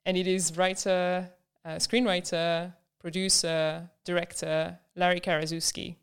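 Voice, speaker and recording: Female podcast host, very smooth lowish voice, friendly interviewer. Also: level tone, unhurried. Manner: friendly, laughs often.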